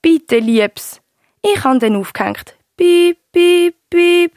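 In a radio-play story, a woman voices an older Swiss grandmother with a Swiss German accent, warmly and fondly telling her grandchild how she met her husband. Her fairly high voice moves at normal speed and sounds close to everyday speech, recorded dry at studio quality.

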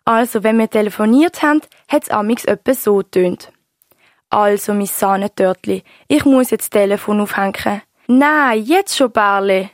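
A woman's voice: mid-range voice, normal speed, dry recording, clean studio sound, natural voice. A woman playing an older Swiss grandmother who fondly tells her grandchild how she met her husband, speaking with a Swiss German accent. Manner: warm, storytelling, fond reminiscing. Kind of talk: radio-play storytelling.

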